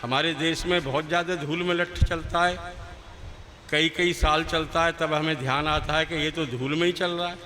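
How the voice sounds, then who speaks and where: A man's voice: on the high side, fairly even intonation, moderate pace, sharp tone, a little hiss or hum. An older man performing as a poet at a live poetry gathering, chatting with the crowd through rhetorical questions and chanting verses into a stage microphone. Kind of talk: humorous stage poetry recital.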